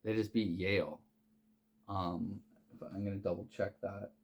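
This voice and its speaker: Casual male sports bettor, lowish voice, loose and profane, filler-heavy delivery. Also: steady tone, normal speed, creaky, slightly rough. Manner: rambling, profane, many fillers and restarts. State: hiccuping. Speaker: sports betting picks host. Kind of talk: casual unscripted sports betting talk.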